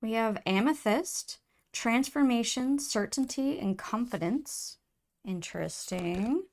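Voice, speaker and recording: A woman reads tarot cards for her viewers in a soft, earnest way, pausing and restarting as she goes. Her voice carries a gravelly fry, and she takes her time over every phrase. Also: fairly high pitch, lively intonation. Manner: soft, earnest and emotional, with many fillers and restarts. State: tearful at times. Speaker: tarot reader. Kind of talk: intuitive tarot reading to camera.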